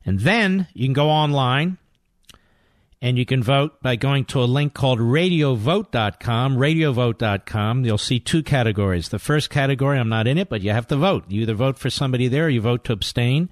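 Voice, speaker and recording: Male talk-radio host, mid-range voice, forceful and indignant, dry studio mic. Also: medium pitch, animated, a little fast, dry recording. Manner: forceful, indignant, rhetorical questions. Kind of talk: talk radio monologue and call-in.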